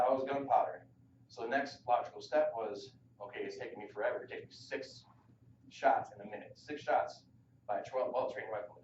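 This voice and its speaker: A man's voice: fairly low pitch, a little mellow, a little hiss or hum. Casual man giving a class speech. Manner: casual, jokey, acts out little dialogues. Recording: distant mic, echoey room, dull muffled sound.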